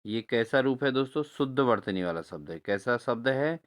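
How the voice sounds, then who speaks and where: A man teaching a spelling lesson for exams, repeating each answer back to his viewers and spelling words out slowly syllable by syllable. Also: medium pitch, animated. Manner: repeats answers as questions to viewers, addresses them as friends. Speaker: exam-prep teacher. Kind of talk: spelling lesson for exam prep.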